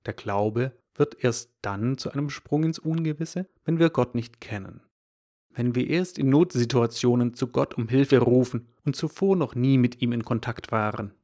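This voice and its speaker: Male devotional speaker, calm scripted storytelling delivery, mid-range voice. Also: mid-range voice.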